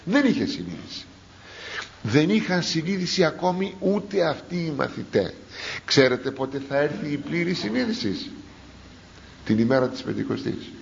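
A man delivering a sermon in a gravelly voice that rises and falls widely as he preaches. He keeps putting rhetorical questions to his listeners. The recording is dull and lo-fi. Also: on the high side, slight background noise. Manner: animated, rhetorical questions to the congregation.

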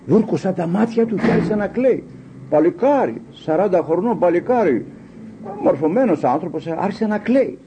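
Older male lay preacher, husky, warm dark tone, very animated delivery with questions. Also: sits high, slight background noise. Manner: animated storytelling, quotes dialogue, rhetorical questions. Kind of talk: sermon with personal stories.

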